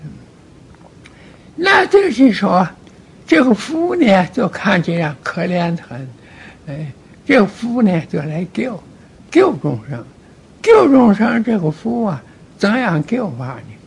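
A man giving a Buddhist sermon, explaining plainly and repeating himself, speaking straight to a listener and often starting with a drawn-out "ai". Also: high voice, very animated, vocal fry, husky. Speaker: Buddhist teacher.

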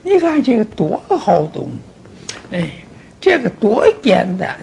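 A man delivering a Buddhist sermon in a gravelly voice, his pitch rising and falling a great deal. He explains things plainly and repeats himself, speaking straight to his listener and often starting with a drawn-out "ai". The voice sits high for a man. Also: sing-song, a little mellow, slight background noise. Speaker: Buddhist teacher.

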